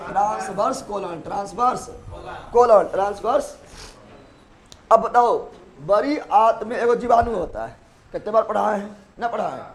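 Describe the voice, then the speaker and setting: High-voiced man drilling a class. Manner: repeats questions, drills students in chorus; loud, emphatic, laughing often. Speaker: biology teacher. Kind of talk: call-and-response classroom lesson.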